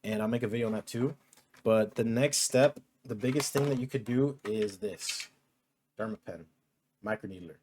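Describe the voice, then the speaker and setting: A man's voice: mid-range voice, normal speed, background noise. Chatty young man vlogging. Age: 20s. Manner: casual and chatty, many fillers like "like" and "um". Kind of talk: casual vlog.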